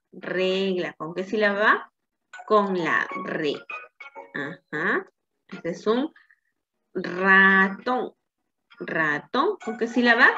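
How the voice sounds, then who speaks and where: A woman's voice: medium pitch, bright, forceful tone, highs cut off. A woman teacher leading a patient phonics lesson for children, often checking in with "¿sí?".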